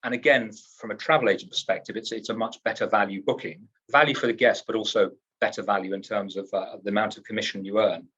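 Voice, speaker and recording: Upbeat husky British man pitching cruises. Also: fairly even intonation, fast talker, hardly any pauses, a bit bright, dull audio. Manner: upbeat, salesy, repeats words as he restarts. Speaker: cruise line executive. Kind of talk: trade interview.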